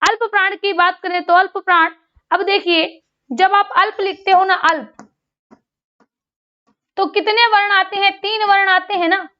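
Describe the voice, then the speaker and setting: A woman's voice: extremely high pitch, steady tone, unhurried, long pauses, muffled recording. A woman teaching grammar in an online exam-prep lesson. She asks a question, answers it, then repeats it, and she sounds out syllables aloud for drilling.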